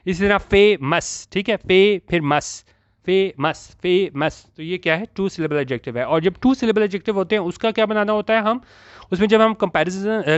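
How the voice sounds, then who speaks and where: A man's voice: high-pitched, clear, resonant tone, no echo. A man teaching English grammar who repeats his examples and keeps quizzing the listener with questions, with a Pakistani accent on his English words. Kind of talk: lesson explaining on a board. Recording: dry, muffled lo-fi recording.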